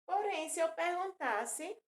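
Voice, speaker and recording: A woman's voice: very high-pitched, lively intonation, takes it slowly. A woman teaching a children's lesson, patiently repeating words and counting syllables aloud. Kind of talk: recorded classroom lesson for children.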